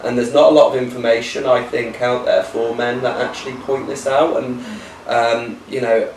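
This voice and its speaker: A man's voice: mid-range voice, little pitch movement, normal speed, darkish tone. A man in his thirties from the UK, co-hosting a casual chat in a talkative, teasing way with plenty of fillers. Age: 30s. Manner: chatty and teasing, thinks aloud with many fillers. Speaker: co-host. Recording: roomy, distant camera with faint hiss.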